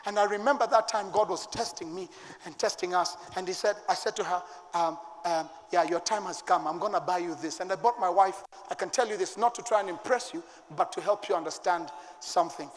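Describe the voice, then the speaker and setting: A middle-aged man with a Kenyan accent, preaching a sermon to his church with fervour and sudden shouted bursts. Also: high voice, brisk. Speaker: pastor. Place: church sanctuary. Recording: long church-hall reverb.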